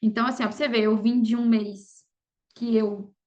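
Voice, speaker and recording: Her voice is fairly high and steady, a little fast and darkish, heard through lo-fi sound. The Brazilian woman, an affiliate marketer guesting on a podcast, talks casually in the interview with frequent "sabe" and "entendeu" tags.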